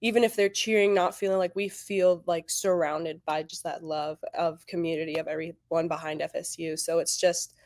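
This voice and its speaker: A woman in her twenties, a college softball player, talking in a casual interview, animated and full of "like". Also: fairly low pitch, normal speed, few pauses, no echo, studio quality. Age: 20s. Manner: animated, heavy use of "like", quotes teammates.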